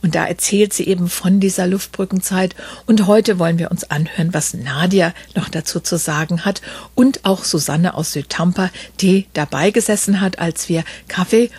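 A woman's voice: lowish voice, steady tone, normal speed, a little mellow, slightly rough. A woman hosting a podcast, reading a story aloud and then interviewing a guest with eager questions and many fillers. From Berlin.

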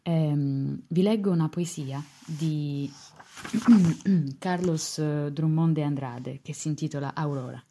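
Low, mellow young woman, hesitant. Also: measured pace, hardly any pauses, slight background noise. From Palermo, Sicily, Italy. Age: young adult. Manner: hesitant, searching for words. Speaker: art student. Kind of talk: casual, informal address to camera.

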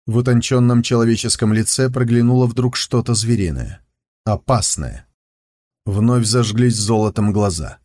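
A man narrating an audiobook in a steady, measured voice. His pitch sits in an ordinary male range. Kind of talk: scripted narration.

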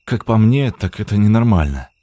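A man's voice: mid-range voice, lively intonation, moderate pace, a little mellow, slightly rough, dry recording, voice pushed up. A man reading an audiobook, voicing a puzzled, skeptical young man in a questioning tone.

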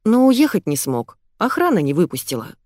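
A woman's voice: fairly low pitch, huge pitch swings, normal speed, no echo, studio quality. A woman voicing a nervous swindler hypnotist. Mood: polite. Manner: trembling, hushed. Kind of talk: audiobook character voice.

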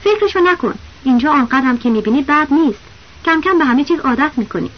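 A woman's voice: high-pitched, expressive. A woman reading a knowing, pushy village headmaster. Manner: knowing, insistent, talks over others. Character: chatty, overconfident village school principal, male. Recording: dull lo-fi audiobook recording with faint hiss.

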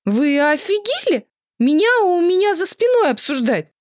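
Woman reader as an excitable, touchy young woman, high-pitched, dry sound. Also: no room sound, natural voice. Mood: outraged. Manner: excitable, emotional, quick to take offence. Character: tipsy indignant young woman, dramatic and touchy.

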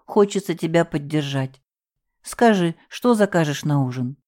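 A woman's voice: low-pitched, expressive, moderate pace, a little mellow. A woman voicing a fussing, motherly cook who coos and coaxes a grieving girl. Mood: coaxing. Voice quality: cooing, doting.

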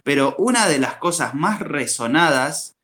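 A man's voice: fairly high pitch, expressive, a little slow, pushed and bright. A young man with an Argentine accent co-hosting a casual radio chat show, playful and slangy. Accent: Argentine Spanish. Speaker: radio co-host.

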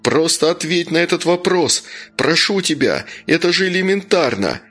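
A man's voice: a little high, lively intonation, normal speed, voice pushed up. A man voicing a frightened father pleading with his son, voice trembling with tears. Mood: desperate. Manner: pleading then shouting, trembling. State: tearful. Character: desperate frightened father, voice shaking.

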